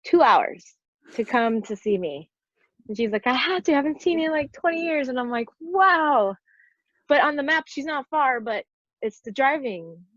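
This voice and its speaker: In a casual interview chat, this stunt performer in her forties rambles through stories as a podcast guest, peppering them with "like." She speaks high-pitched and animated at a moderate pace, her tone fairly bright. The sound is dry, dull lo-fi.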